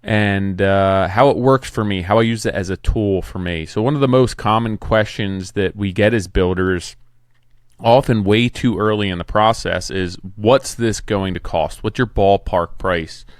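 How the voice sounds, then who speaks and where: Plainspoken man in his forties, clear dry voice. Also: lowish voice, unhurried, no room sound. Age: 40s. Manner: plainspoken, conversational, some restarts. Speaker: podcast host, home builder. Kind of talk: casual solo podcast talk.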